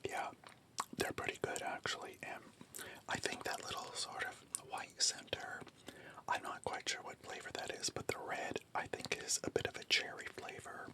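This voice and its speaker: ASMR food-tasting host, fully whispered, slow and gently hesitant delivery.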